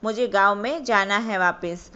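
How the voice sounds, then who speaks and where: A woman's voice: mid-range voice, unhurried, sharp tone, clear, resonant tone. A woman voicing an indignant old grandfather in a storytelling narration, insisting he will leave for his village. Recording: dull lo-fi recording.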